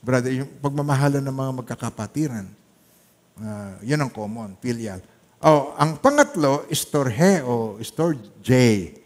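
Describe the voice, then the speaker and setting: A man with a Filipino accent preaching a sermon, dropping to soft asides and rising to loud, emphatic peaks as he mixes English into his talk. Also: mid-range voice, very animated, normal speed. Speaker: pastor. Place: church hall. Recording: reverberant church hall.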